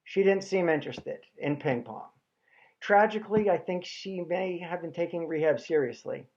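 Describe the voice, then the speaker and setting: A man tells a comic story about his own life in a wry, deadpan way. His delivery stays dry and understated through the jokes. The recording sounds slightly muffled and lo-fi. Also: a little high, moderate pace.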